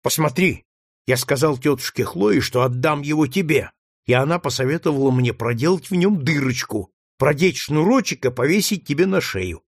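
A man's voice: fairly high pitch, moderate pace, no room sound. An impulsive, indignant young boy , voiced by a man reading a novel aloud bursts out in a raised, swooping voice. The delivery is passionate and pleading. The sound is dry and close. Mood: earnest. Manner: excited, pleading outbursts. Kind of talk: audiobook character reading.

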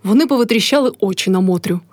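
Woman reading a classic novel, expressive storytelling, dry sound. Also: medium pitch, fast talker, dry recording. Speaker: narrator.

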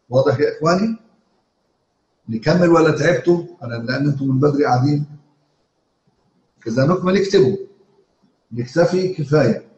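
A man with an Egyptian Arabic accent teaching a live class on Quran readings. He explains in casual speech, stops often on filler sounds, and chants quoted verses slowly. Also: medium pitch, a little mellow, echoey room, muffled recording. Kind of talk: live lesson to students.

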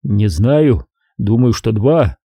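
A man's voice: fairly low pitch, very animated, slow, mellow, breathy edge, dry recording, clean studio sound, full character voice. A man reading an audiobook, voicing a nervous male researcher answering police questions defensively. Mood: anxious. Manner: anxious, defensive.

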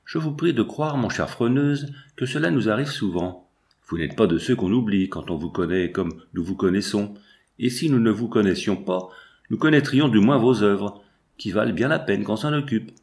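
A man's voice: fairly low pitch, animated, normal speed, darkish tone. A man reading as a blunt, pompous bourgeois father. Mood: emphatic. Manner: opinionated, emphatic.

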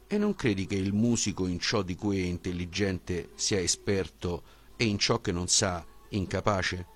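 A man reading a philosophical dialogue as an audiobook, with a measured, questioning delivery. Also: sits low, expressive. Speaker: audiobook reader.

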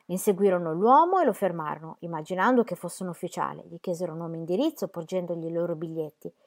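A woman with a lowish voice reads historical letters aloud, using a measured, expressive storytelling style.

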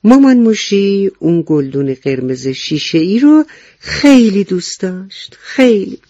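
A man narrating a children's story, animated and speaking directly to young listeners. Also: high voice, dry recording, lo-fi sound.

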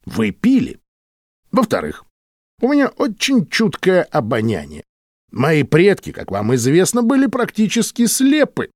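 A man's voice: medium pitch, darkish tone, no echo, studio quality, heavily acted. A male narrator voicing a cheerful, polite and dignified alien who talks courteously.

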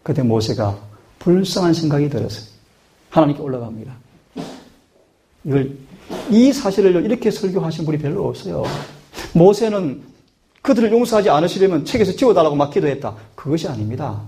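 A man's voice: on the high side, lively intonation, brisk, pauses often, mellow, a little hiss or hum. A man preaching a sermon in an earnest manner, often putting questions to his listeners. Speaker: pastor.

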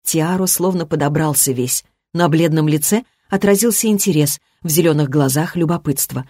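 A woman narrating a fantasy novel in a steady, even storytelling way. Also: low voice, normal speed, slightly rough, no echo, clean studio sound. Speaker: audiobook reader.

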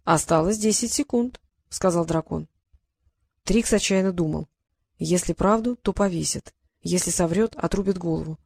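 A woman narrating a fairy-tale audiobook in a steady, even storytelling voice. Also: fairly low pitch, moderate pace, vocal fry, slightly rough. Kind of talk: scripted narration.

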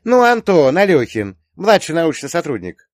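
A man voicing a teasing, bossy teenage daughter in an audiobook, with quick retorts. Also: on the high side, sing-song, no room sound, clean studio sound, voice pushed up. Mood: sassy. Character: teenage girl, sharp-tongued teasing daughter. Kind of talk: audiobook character voice.

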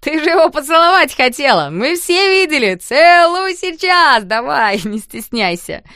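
A woman voicing a gang of rowdy teenage boys who jeer and shout at a couple. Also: sits high, big pitch swings, unhurried, no echo, clean studio sound, pitched above the performer's own voice, exaggerated voice. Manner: shouting, jeering.

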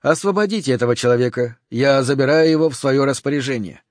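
A man reading an audiobook voices a calm, courteous and commanding male FBI agent who speaks in a measured way. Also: mid-range voice, dry recording, studio quality, lightly acted.

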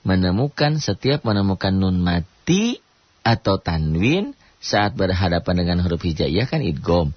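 Slow-spoken male radio tajwid teacher. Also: low-pitched, big pitch swings, slightly rough, no echo. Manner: explains rules with quick questions and answers to himself, chanting verses slowly. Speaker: Quran recitation teacher on radio. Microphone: studio radio mic. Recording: dull dry radio broadcast.

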